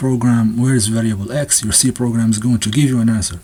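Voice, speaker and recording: A man explaining a textbook's ideas in a casual unscripted talk, halting often with restarts and fillers and sometimes laughing nervously. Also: mid-range voice, fairly even intonation, darkish tone, slight background noise. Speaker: presenter discussing a textbook.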